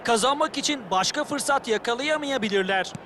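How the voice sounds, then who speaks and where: A man works as a football co-commentator, speaking in a very high-pitched voice. He offers analysis of the match with clear stadium noise behind him. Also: lively intonation, moderate pace.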